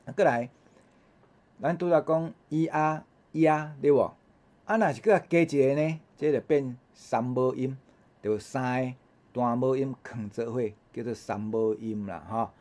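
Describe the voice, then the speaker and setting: Slow Taiwanese man teaching vowels. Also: medium pitch, darkish tone. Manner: slow, repeats each sound several times in drills; habitual "ha" fillers between drills. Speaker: language teacher. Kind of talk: recorded vowel lesson.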